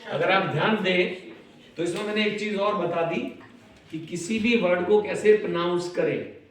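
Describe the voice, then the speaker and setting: A man teaching a class, switching between Hindi and English, quizzing his students and stretching words out slowly. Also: sits high. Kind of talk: classroom lecture. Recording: echoey classroom, far from the mic.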